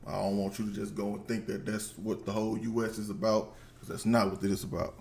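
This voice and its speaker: A man's voice: fairly low pitch, flat delivery, fast, vocal fry, a little mellow. A man with a headset giving blunt, slangy commentary while reacting to a video at home. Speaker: reaction streamer.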